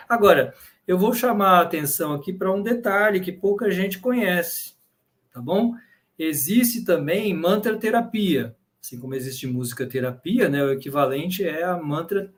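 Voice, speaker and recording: A man with a Brazilian Portuguese accent lectures patiently to a live audience. His voice sits a little high for a man. He explains step by step and keeps checking in with short tag questions. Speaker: lecturer on bhakti yoga.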